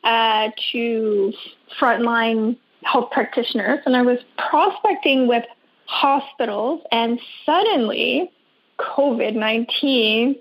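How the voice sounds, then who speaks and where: A Canadian woman phones into a radio show and asks the host an earnest, rambling question, her voice heard through the phone line. It's on the high side with a breathy edge, and she takes her time.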